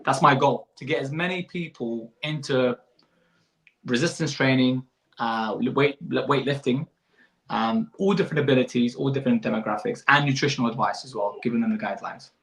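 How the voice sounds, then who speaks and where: This fitness coach and business owner is a man in his thirties who was born in Iraq and moved abroad as a small child. He handles interview questions casually, explaining things and frequently putting them another way, in a slightly bright mid-range voice at moderate speed. The audio is poor, with a roomy sound.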